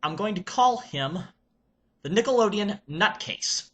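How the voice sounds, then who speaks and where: A man talking casually as a video reviewer, halting and deliberate, with frequent pauses. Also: high voice, lively intonation. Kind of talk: casual vlog announcement.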